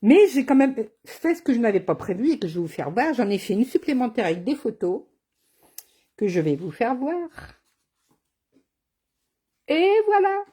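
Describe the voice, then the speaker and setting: A woman's voice: on the high side, sing-song, normal speed, pauses often, dark tone, husky. A woman running a live card-making tutorial as a craft demonstrator, chatty and teasing, speaking to viewers by name. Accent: has an accent, not named.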